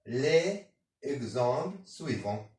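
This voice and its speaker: A man's voice: medium pitch, sing-song, drawn-out words, a little mellow. A man teaching a grammar lesson, switching between two languages and repeating words over and over as drills. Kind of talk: bilingual Arabic-French grammar lesson. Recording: roomy sound from a distance.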